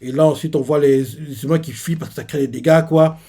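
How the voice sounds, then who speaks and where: A man's voice: a little high, fairly even intonation, a little fast, creaky, dark tone, breathy edge. A man casually retelling a comic chapter in a rambling way, with many fillers. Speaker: manga reaction youtuber.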